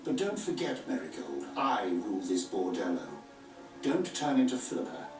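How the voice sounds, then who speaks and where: Lowish and darkish, with big pitch swings at a moderate pace, an actor voices a crude, commanding middle-aged king giving orders in a game cutscene. His manner is brusque, coarse and domineering, captured in echoey, distant game audio with music.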